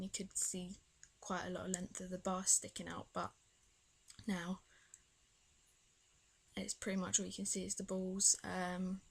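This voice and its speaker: Husky and medium-pitched with vocal fry, a young adult British vlogger chats casually in her video diary. She rambles hesitantly, words slightly hampered by a swollen tongue, and the recording is rough.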